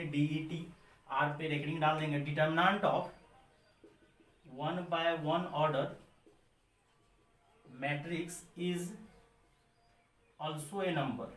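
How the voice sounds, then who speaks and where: An Indian man teaches maths in a classroom lecture, repeating his points and answering his own questions. His voice sits a little high. The recording is roomy and echoey, with the mic set some way off. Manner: addresses students as children. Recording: echoey room, mic far off.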